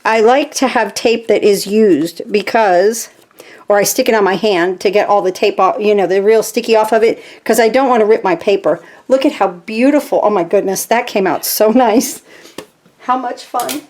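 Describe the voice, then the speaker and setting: A woman hosting a casual craft tutorial from her home craft room, chatting to viewers and getting excited as she works. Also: medium pitch, normal speed. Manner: chatty and easily excited, talks to viewers while working. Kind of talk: casual step-by-step craft demonstration.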